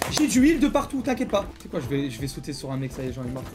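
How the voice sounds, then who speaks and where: A young man commenting his own gameplay, excitable and slangy, taunting the players he fights. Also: a little high, rapid-fire, noisy background. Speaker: gaming YouTuber. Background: game music and gunfire.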